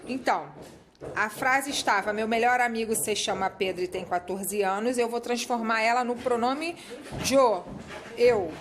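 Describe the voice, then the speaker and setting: Woman, teacher, slightly high voice, patient step-by-step explaining. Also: normal speed. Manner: patient, step-by-step, frequent check-ins with students. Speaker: Spanish teacher. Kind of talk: recorded class explanation.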